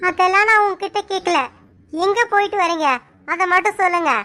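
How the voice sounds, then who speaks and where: A woman's voice: very high voice, steady tone, fairly quick, pushed and bright. A woman voicing a suspicious young village wife in a cartoon, accusing and insistent. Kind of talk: cartoon voice acting.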